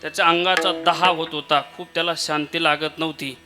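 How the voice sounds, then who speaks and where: A man's voice: a little high, little pitch movement, brisk, music in the background. A man preaching a kirtan sermon, telling a devotional story dramatically and stretching out sung quotations.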